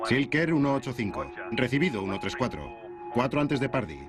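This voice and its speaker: Guy acting co-pilot doing clipped radio calls, medium pitch but lively, loud music and plane noise, documentary reenactment. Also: brisk, lightly acted. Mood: procedural, focused. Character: relaxed male first officer, brisk and procedural on radio. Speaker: airline co-pilot. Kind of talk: dubbed documentary re-enactment.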